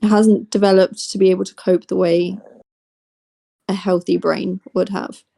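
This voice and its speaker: A woman guesting on a podcast as a psychology student. Her voice is gravelly with vocal fry and keeps to a narrow pitch range. She talks in a chatty, casual way, packing her sentences with fillers. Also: flat delivery, moderate pace, warm tone. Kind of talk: casual conversation.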